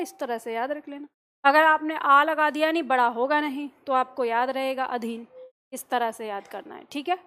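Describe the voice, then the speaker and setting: A woman teaching an online class, explaining step by step, dictating notes slowly and asking the students questions she then answers herself. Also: high-pitched, a bit bright. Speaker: Hindi teacher.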